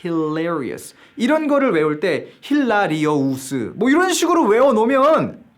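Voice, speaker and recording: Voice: mid-range voice, big pitch swings, moderate pace, soft background music. An English teacher giving a video lesson, explaining step by step and asking viewers questions along the way.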